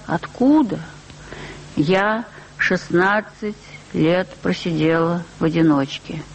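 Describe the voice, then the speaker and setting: A worn-out middle-aged woman fresh from long confinement, read aloud by a woman. She is curt and dismissive and keeps her replies flat and short. It is an old archive reading. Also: fairly low pitch, slow pace, poor audio. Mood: weary.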